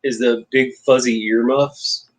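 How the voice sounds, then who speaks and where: A man co-hosting a casual livestream discussion over a video call, relaxed and conversational. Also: medium pitch, measured pace, rough recording. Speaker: co-host.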